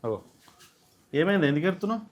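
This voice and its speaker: A man's voice: fairly high pitch, big pitch swings, fast talker, muffled recording. An actor with a Telangana accent playing a young husband who urgently coaxes and consoles his pregnant wife. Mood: consoling. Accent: Telangana Telugu. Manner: coaxing, urgent. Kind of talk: village short film acting.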